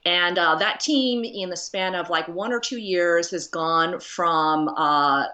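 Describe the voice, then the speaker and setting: A woman from Canada, a guest chatting casually on a video call, talkative and quick to laugh. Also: fairly low pitch, bright, forceful tone, reverberant, far from the mic. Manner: chatty, laughs easily, many fillers.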